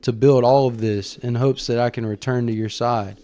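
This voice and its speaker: A man's voice: medium pitch, steady tone, moderate pace, mellow, lightly acted. Male storyteller as fallen space-saga villain, solemn, subservient, beseeching his master. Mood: submissive.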